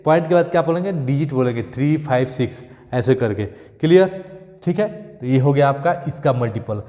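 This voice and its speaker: A male maths teacher, repeating steps and checking in often with "thik hai" and "clear". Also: mid-range voice, animated, brisk, mellow, in a large hall. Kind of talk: classroom maths lesson.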